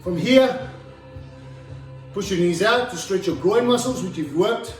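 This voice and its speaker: High-voiced man coaching a workout. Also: lively intonation, measured pace, recorded from a distance, faint music behind. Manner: instructive, demonstrating while talking. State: out of breath at times. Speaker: fitness trainer. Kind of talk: home workout instruction. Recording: echoey room, voice from afar.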